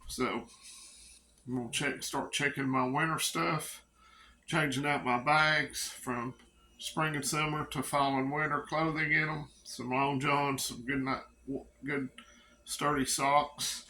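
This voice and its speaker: Folksy East Tennessee man, fairly high voice. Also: fairly even intonation, takes it slowly, bright, forceful tone, a little hiss or hum. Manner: folksy, rambling and blunt. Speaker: preparedness vlogger. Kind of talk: casual chat to camera.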